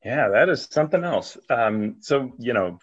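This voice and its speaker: A man's voice: mid-range voice, expressive, moderate pace, slightly rough, lo-fi sound. A man chatting casually as a podcast co-host. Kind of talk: casual chat.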